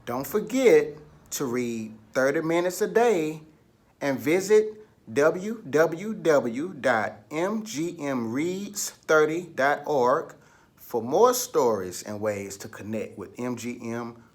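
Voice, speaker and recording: Taking his time, a man with a fairly high, animated voice reads and retells stories for children. He speaks to them directly and asks them questions along the way.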